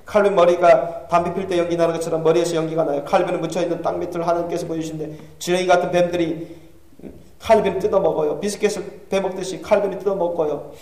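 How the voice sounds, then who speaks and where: A male pastor delivers an urgent, fervent sermon in a church sanctuary. His voice is high and the words tumble out fast. The mic sits far away, so the hall rings around him. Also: little pitch movement, a little mellow.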